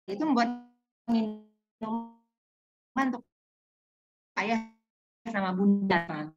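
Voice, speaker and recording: A woman's voice: medium pitch, extremely slow, over music. A woman giving a parenting seminar over an online call. Her voice keeps breaking up and dropping out, and she talks in an explaining way with many fillers. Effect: online call audio breaking up and dropping out. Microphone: video call. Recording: choppy muffled video-call audio.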